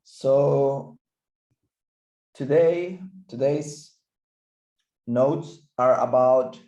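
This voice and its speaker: A Chilean physical therapist with a medium-pitched, mellow voice gives an online physiotherapy lecture in Spanish-accented English, Spanish being his first language. He often halts and repeats words while searching for English. The audio is poor and the room echoey.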